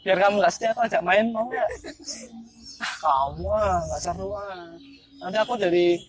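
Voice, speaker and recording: A man's voice: sits high, moderate pace, a crowd in the background. A young man, performing street magic outdoors in a park and teasing the people he plays with in a chatty, playful way. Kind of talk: casual street performance patter.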